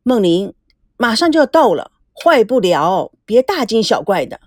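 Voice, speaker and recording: A woman voicing a calm, composed woman who speaks in a measured, reproachful way. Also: on the high side, no echo, clean studio sound. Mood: soothing.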